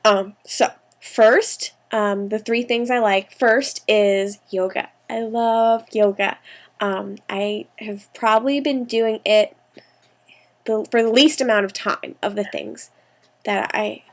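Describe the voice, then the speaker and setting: A woman's voice: medium pitch, steady tone, slow. Chatty young American woman vlogging. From United States. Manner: chatty, rambling, with frequent ums and small laughs. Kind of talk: casual video diary. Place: at home.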